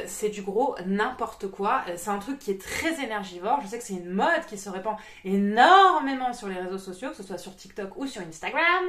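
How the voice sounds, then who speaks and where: A woman's voice: fairly high pitch, echoey room. A woman who works as a spiritual medium, ranting on her vlog in a blunt, crude, exasperated way with plenty of swearing. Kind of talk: casual vlog rant.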